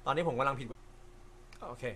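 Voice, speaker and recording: A man hosting a casual live stream from an indoor room, reading viewer comments in a relaxed, chatty way with frequent light laughter and apologetic asides. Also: a little fast. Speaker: host.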